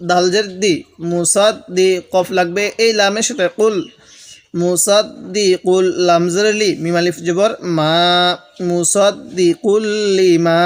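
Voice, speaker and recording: A man teaching Quran recitation, spelling each word letter by letter and then chanting it slowly, speaking directly to viewers as a patient instructor. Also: sits high. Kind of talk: spelled-out Quran reading lesson.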